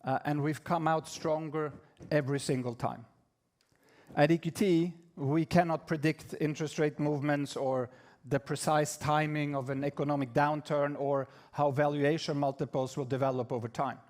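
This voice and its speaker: A man giving a prepared corporate presentation to investors in a conference room, measured with occasional fillers and restarts. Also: a little high, fairly even intonation, darkish tone. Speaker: executive presenting at investor event.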